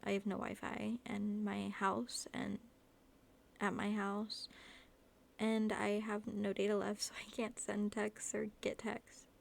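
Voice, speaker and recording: A woman voicing an angry hot-headed teenage boy in a fan fiction reading, shouting and swearing. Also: mid-range voice, monotone, takes it slowly, gravelly. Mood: sheepish.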